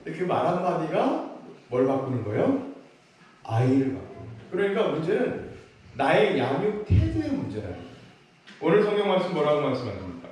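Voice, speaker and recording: A man preaching a sermon as pastor, animated, acting out parents' words and leading the congregation in call-and-response. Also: a little high, brisk. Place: large church sanctuary. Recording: echoey church hall, distant mic, faint noise.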